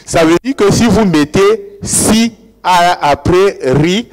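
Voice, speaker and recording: In a large lecture hall with long reverb, a man with a high-pitched voice delivers an academic lecture at a slow pace. He explains his material, repeats key words, and checks whether his audience is following.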